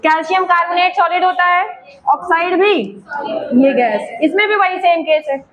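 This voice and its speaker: A woman's voice: extremely high pitch, normal speed, fairly bright tone, poor audio. A woman teacher with an eastern Uttar Pradesh Hindi accent, teaching a chemistry class and coaxing students with teasing questions.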